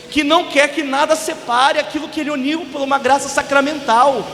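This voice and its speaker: A male priest with a Brazilian Portuguese accent preaching a sermon in a large church, alternating emphatic loud bursts with soft drops. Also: very high-pitched. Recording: church reverb, faint hiss.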